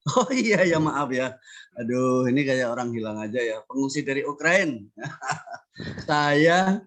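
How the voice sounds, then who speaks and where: A man's voice: medium pitch, animated, unhurried, fairly bright tone. An older man from Java, speaking earnestly as a panelist at a discussion forum and building his points through emphatic repetition. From Central Java, Indonesia. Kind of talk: spoken remarks at a discussion forum.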